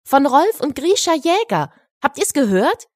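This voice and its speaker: A high, lively young boy bursts with eagerness and likes to take charge, as a woman reading aloud puts him on. His voice sits well above an adult's and carries loudly. The recording is close and dry, with no room sound. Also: unhurried, no room sound. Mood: excited. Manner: high, bright child's voice.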